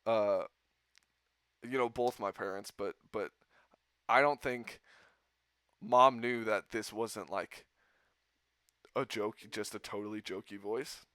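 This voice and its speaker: A man with a bright, forceful voice chats casually as a podcast host, telling a long rambling story and laughing often. He sounds close and dry on the mic, with no room sound around him. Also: lowish voice, fairly even intonation, slow pace, pauses often, smooth, no echo. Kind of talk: casual chat.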